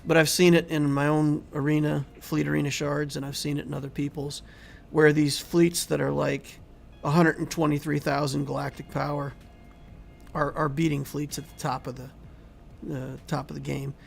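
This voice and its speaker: Over soft background music, a YouTube game channel host talks at normal speed in a slightly high, flat voice. He wanders conversationally through viewer chat on a casual game livestream while his voice keeps giving out and he clears his throat.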